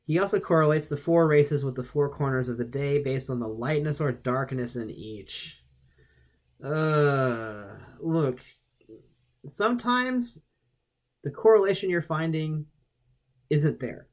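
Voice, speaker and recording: Rambling young man reading and reacting. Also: measured pace. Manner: rambling, restarts, animated pitch jumps. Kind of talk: casual commentary reading a web page aloud.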